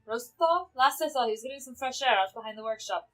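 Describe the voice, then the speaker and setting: A woman's voice: fairly high pitch, expressive, fast, soft background music, close to an everyday voice. A woman voicing a panicky young female gunsmith in a put-on Irish accent, talking in frantic worry. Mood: steadying.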